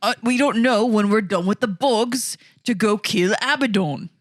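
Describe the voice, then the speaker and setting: Man doing a high, bright ork with a wobbly put-on Cockney accent, eager but clumsy. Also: normal speed, no room sound, clean studio sound. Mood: arguing. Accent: mock Cockney. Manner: tries hard but keeps dropping into giggles. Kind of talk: improvised in-character debate.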